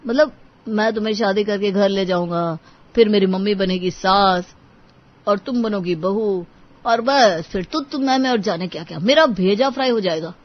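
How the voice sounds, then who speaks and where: A woman's voice: medium pitch, moderate pace, close to an everyday voice. Woman voicing a jumpy young man dodging marriage talk, defensive, lo-fi. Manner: defensive, joking, dodging questions.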